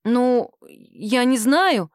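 A woman voicing a timid young female office worker who squeaks and bleats her replies. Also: animated, normal speed, no room sound, studio quality. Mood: coy.

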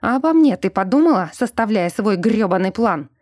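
A gruff, protective young man, read by a woman in an audiobook, blunt and bossy. The tone is dark and mellow, recorded dry and close. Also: medium pitch, animated, brisk, no room sound, close to an everyday voice. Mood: angry.

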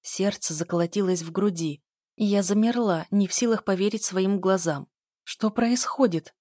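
A woman narrating a first-person story in a steady, scripted audiobook read. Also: medium pitch, normal speed, dry recording, studio quality.

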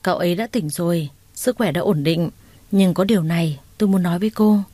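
A woman's voice: on the low side, fairly quick, dark tone, no echo, lightly acted. Woman reading the lines of a grave, formal doctor. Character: serious hospital doctor.

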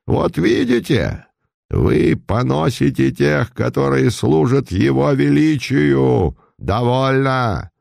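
A cold, severe churchman passes judgment in slow, clipped phrases, as a man puts him on for an audiobook. The voice sits low and gravelly, with a dark, dry tone. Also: sing-song, no room sound, heavily acted. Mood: stern. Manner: harsh, slow, accusing. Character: stern cold cardinal inquisitor, older man.

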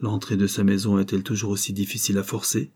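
A man voicing a sharp, confident male detective who talks briskly, in an audiobook reading. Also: fairly low pitch, level tone, husky. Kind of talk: audiobook character voice.

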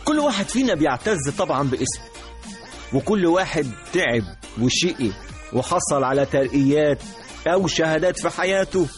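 A man's voice: a little high, animated, a little fast, soft background music. A man with an Egyptian accent giving a chatty, mock-aggrieved comic radio monologue, speaking straight to the listeners. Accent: Egyptian Arabic. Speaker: radio comedy presenter.

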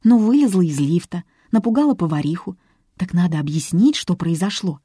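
A woman's voice: lowish voice, expressive, a little fast, mellow, husky, no room sound, clean studio sound. A woman reading a first-person audiobook in a wry, self-mocking way. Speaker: audiobook narrator.

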